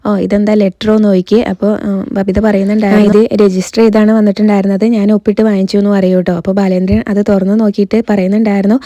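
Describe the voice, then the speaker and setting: Woman, quick recap chatter, monotone, mellow dry voice. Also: medium pitch, no echo. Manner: retells dialogue in quotes, frequent "kētto" tag fillers. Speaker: serial recap host. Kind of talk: casual episode recap.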